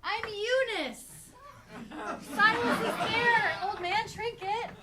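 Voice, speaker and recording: A woman's voice: very high voice, takes it slowly, over a noisy crowd. A woman playing an exasperated, moralizing bearded lady of the carnival in a theatrical live improv comedy scene. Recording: noisy live stage recording.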